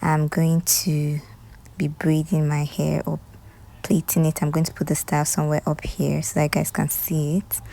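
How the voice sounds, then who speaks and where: Low, gravelly Nigerian woman. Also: monotone, moderate pace, warm tone. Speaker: hair tutorial creator. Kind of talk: casual tutorial voice-over.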